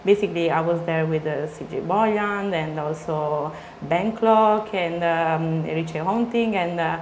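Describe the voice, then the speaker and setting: Woman from Spain, DJ guest, hesitant speech full of fillers, slightly low voice, roomy echo. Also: a little mellow. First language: Spanish or Italian. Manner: halting, many fillers, searching for words. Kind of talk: casual interview answers. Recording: echoey room, faint noise.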